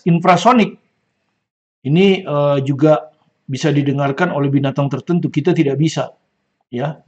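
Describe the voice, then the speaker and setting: A man's voice: a little high, a little mellow, dull audio. An older man teaching a physics lesson, patiently repeating key points and checking in with the class. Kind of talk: classroom lecture.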